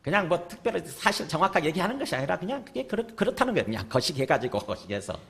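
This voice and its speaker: Male pastor, sermon, conversational preaching, rhetorical questions, animated pitch, higher voice. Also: rapid-fire, gravelly. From South Korea.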